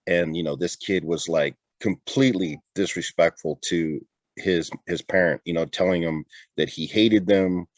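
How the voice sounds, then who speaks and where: A man's voice: sits low, normal speed, no echo. A middle-aged man talking candidly in a casual interview, often repeating and restarting his words. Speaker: interview guest, retired border patrol agent.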